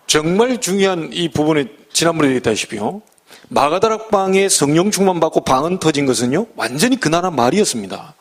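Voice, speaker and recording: Male pastor, middle-aged, animated high-pitched delivery, humorous folksy sermon with rhetorical questions.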